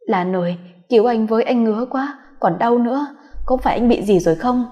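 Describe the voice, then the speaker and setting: A woman's voice: mid-range voice, brisk, darkish tone, lightly acted. A woman voicing an injured, remorseful young husband who begs tearfully. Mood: pleading. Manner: begging, tearful.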